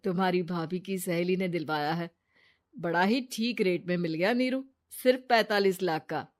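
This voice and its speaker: A woman voicing a stern, suspicious husband in a cartoon story, using a firm, lowered voice. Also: normal speed, lightly acted.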